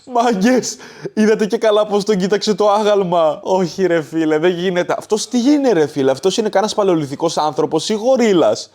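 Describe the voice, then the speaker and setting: A young man from Greece doing casual reaction commentary on funny clips at home, excitable and slangy, jumping between loud outbursts and hushed talk. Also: high voice. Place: home, kitchen and living room.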